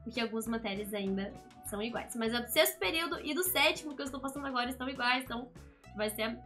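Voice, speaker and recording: Young brazilian woman chatting on her vlog, raspy smoker-ish voice, kinda high, faint music behind. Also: very fast, pushed and bright. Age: 20s. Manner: chatty, rambling. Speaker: video channel host, games student. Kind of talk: casual vlog talk to camera. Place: small indoor home room.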